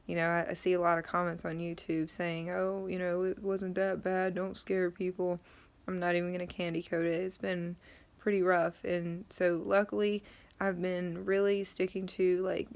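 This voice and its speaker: Low, flat-toned woman, sore after tonsil surgery. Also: gravelly. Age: middle-aged. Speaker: vlogger. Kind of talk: casual talk to camera about recovery.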